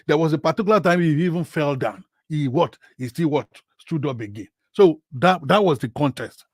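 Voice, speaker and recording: A man's voice: on the high side, normal speed, no echo, studio quality. A man chatting casually about football and reading out viewer comments. He often asks himself "what?" and then answers, and he repeats words and phrases with many fillers. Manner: animated, with big swings in loudness.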